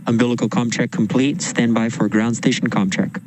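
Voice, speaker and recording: A man's voice: mid-range voice, steady tone, fairly quick. A man at mission control talking on astronaut radio, calling comm checks in clipped procedural phrases. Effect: radio transmission. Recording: noisy radio loop.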